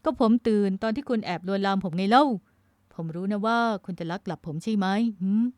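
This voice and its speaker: Lady narrator doing a young navy guy, lovesick and teasing, gets loud and pleading, storybook romance. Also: fairly low pitch, moderate pace, no echo, studio quality, close to an everyday voice. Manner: pleading and loud in emotional scenes.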